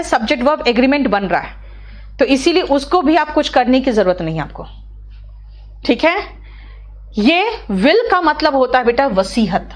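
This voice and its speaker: A woman teaching English in a live online class, explaining in Hindi with English terms, fast and chatty, calling her students "beta" and repeating key words. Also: high-pitched.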